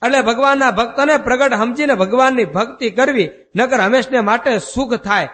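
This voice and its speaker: A swami preacher with a high, slightly bright male voice delivers a Gujarati devotional sermon, chanting verses slowly before explaining them through folksy stories. The sound carries the reverb of a hall.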